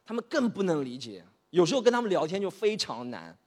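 A man in his thirties from Shanghai doing a stand-up set, animated and exasperated as he tells stories on stage. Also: sits high, fast. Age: 30s. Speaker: stand-up comedian. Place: comedy stage. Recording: reverberant hall.

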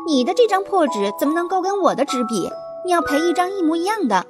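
A woman voicing a bossy, quarrelsome little schoolgirl in a storybook reading, shrill and demanding. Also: sing-song, normal speed. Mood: angry. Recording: music playing behind.

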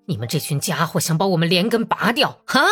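A woman reading an audiobook voices a quarrelsome middle-aged Cossack man who shouts in a shrill, snarling voice. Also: sing-song, unhurried, husky, soft background music, exaggerated voice. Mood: shrill fury.

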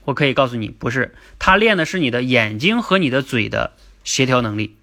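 A man teaching a livestream class on public speaking, explaining step by step, asking and answering his own questions and repeating key definitions slowly. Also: mid-range voice, lively intonation, bright, forceful tone. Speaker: speaking coach. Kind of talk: livestream lecture.

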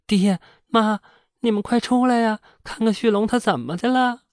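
A man doing a sharp high young wife. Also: expressive, normal speed, no room sound, clean studio sound. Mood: panicked.

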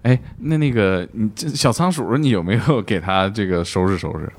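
A man's voice: on the low side, brisk. A man from Northeast China hosting a podcast interview, asking questions and joking in his reactions. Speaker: podcast host. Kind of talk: casual interview.

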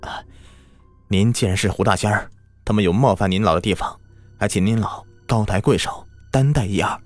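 A humble, anxious elder brother in a spoken folk tale, soft-spoken and placating, keeping his voice low and quiet, as a male storyteller plays him. The sound is dry and close. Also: brisk, no room sound, soft background music, natural voice.

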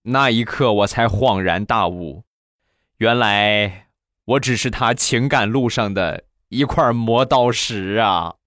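A man hosting a comedy show, telling funny anecdotes in a chatty, animated manner and acting out the voices. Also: fairly low pitch, slow pace, dry recording. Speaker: comedy host. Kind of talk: comic storytelling.

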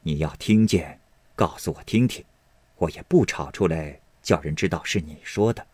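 A man voicing a worried noble mother of nearly fifty in a storybook reading, speaking low and gravely. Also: moderate pace, darkish tone, dry recording. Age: 40s.

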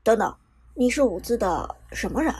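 A woman voicing an easygoing young man who talks calmly and tries to placate. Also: on the high side, moderate pace, breathy edge. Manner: calm, placating.

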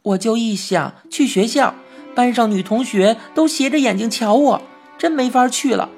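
A woman voicing a frank, lively boy who has turned into a mouse, in a Beijing-tinged storybook reading, chatty and quick to complain. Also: fairly high pitch, faint music behind, voice pushed up, lightly acted. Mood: worried. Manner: indignant, chatty, rapid complaints. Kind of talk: storybook narration.

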